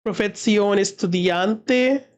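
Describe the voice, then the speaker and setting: A woman language teacher explaining a dialogue at a very slow, deliberate pace, stopping and restarting as she goes. Her pitch sits in the middle of the range. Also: a little mellow. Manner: slow, halting explanations mixing English and Spanish.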